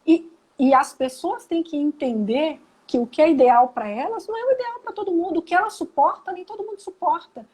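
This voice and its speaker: A woman's voice: very high-pitched, brisk, low-quality recording. A Brazilian woman psychologist talking casually on a live video call, acting out quoted lines as she explains. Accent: Brazilian Portuguese. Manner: animated, acts out quoted dialogue. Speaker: psychologist guest.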